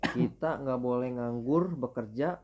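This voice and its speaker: Male co-host, mid pitch, easygoing slangy casual delivery. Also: a little slow, darkish tone, slight background noise. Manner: laid-back, slangy, matter-of-fact. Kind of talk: casual chat.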